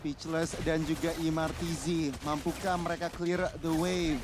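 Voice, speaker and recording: A high-voiced Indonesian man calls an esports match play by play. His delivery is that of a dramatic fighting game announcer, peppered with English catchphrases. Music plays lightly behind his commentary. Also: little pitch movement, unhurried. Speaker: esports shoutcaster. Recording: background music under the voice.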